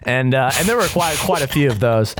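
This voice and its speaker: A man's voice: medium pitch, lively intonation, fairly quick. Rambling, profane young man telling stories. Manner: profane, rambling storytelling with many restarts. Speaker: podcast co-host. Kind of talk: casual chat.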